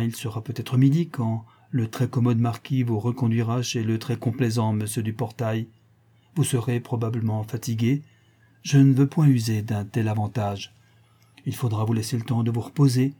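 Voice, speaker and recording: A man's voice: mid-range voice, steady tone, moderate pace, warm tone, husky, close to an everyday voice. A man reading the part of a sly, teasing aristocratic count with an ironic, amused manner.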